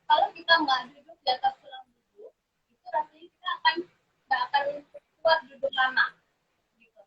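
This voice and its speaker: A woman's voice: extremely high pitch, wildly swooping pitch, a little fast. A woman yoga teacher patiently explaining step by step, her audio breaking up on a choppy live connection. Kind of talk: explaining on a live video chat. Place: seated on a yoga mat. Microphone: phone on a live video stream. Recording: dull lo-fi live stream audio.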